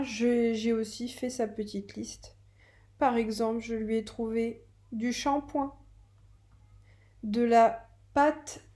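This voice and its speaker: A woman's voice: fairly high pitch, a little mellow. A woman teaching a reading lesson to young children, patiently spelling out sounds.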